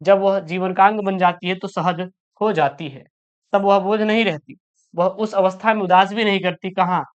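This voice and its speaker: A woman with a mid-range, smooth voice and fairly even intonation teaches an online exam-prep lesson over dull audio. Addressing her students as "beta," she reads each question aloud, often repeats it, then answers it in a quick, explanatory way.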